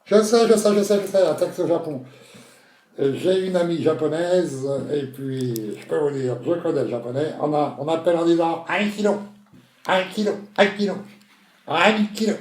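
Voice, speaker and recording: A man's voice: on the high side, normal speed, hardly any pauses, mellow, recorded from a distance, lightly acted. A man voicing an eager, overconfident male quiz contestant who blurts out his answers and repeats himself. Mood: boastful. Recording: roomy echo.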